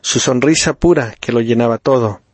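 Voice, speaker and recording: A man from reading a first-person story slowly and deliberately, with dry irony. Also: medium pitch, dry recording. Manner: slow, deliberate, ironic storytelling. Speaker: narrator.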